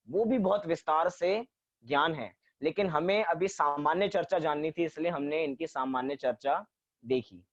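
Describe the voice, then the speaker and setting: Guy teaching a class, high voice, keeps asking himself questions then answering, kinda muffled dry recording. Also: no echo. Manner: asks and answers his own questions. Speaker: religion teacher. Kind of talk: explanatory class lecture.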